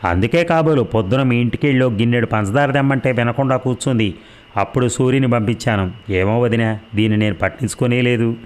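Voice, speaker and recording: A man voicing a modest, practical middle-aged village mother who scolds gently, in a storybook reading. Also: medium pitch, fast talker, close to an everyday voice. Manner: cautious, scolding.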